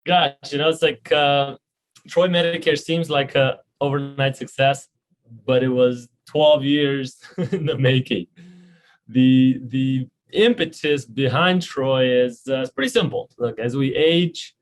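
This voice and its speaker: A man's voice: medium pitch, unhurried. A man, a founder and CEO being interviewed on a podcast, talking earnestly with many restarts and filler words. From Romania. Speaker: health insurance company founder and CEO.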